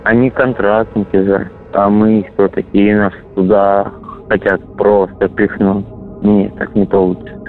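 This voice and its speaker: A man's voice: fairly low pitch, flat delivery, measured pace. A man, a soldier at the front, talking bluntly and with swearing on a casual call home, heard over a radio intercept. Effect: heard over a radio or intercepted phone line. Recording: tinny phone-like intercept, music laid over.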